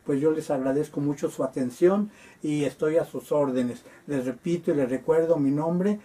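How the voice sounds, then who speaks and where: A man lecturing on Greek grammar, patiently spelling out word forms with frequent hesitant pauses. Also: fairly high pitch, mellow. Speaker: Greek teacher.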